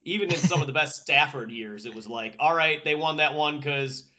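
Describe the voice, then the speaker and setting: Bright, forceful male sports podcast analyst. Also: a little high, normal speed. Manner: animated fan talk, emphatic repetition, colloquial. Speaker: podcast panelist and football analyst. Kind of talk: casual sports commentary.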